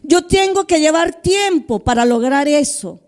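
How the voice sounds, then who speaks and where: A woman's voice: high-pitched, expressive, measured pace. A middle-aged woman pastor preaching a sermon, talking straight to the congregation and acting out quoted prayers and inner voices. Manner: conversational preaching, addresses congregation directly.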